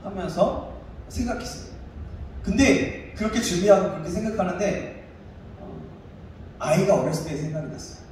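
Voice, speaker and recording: A male pastor in his thirties preaching a sermon and telling a personal story with animated delivery. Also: high-pitched, a little fast, long pauses. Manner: animated storytelling, acts out his own shouting. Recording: echoey room, distant mic, faint noise.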